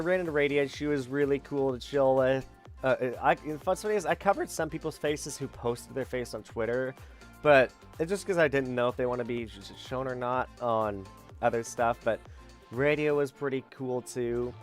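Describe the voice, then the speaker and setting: A young man streaming as a VTuber, chatting casually and rambling with lots of fillers and self-corrections, sounding tired. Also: mid-range voice. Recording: faint background music.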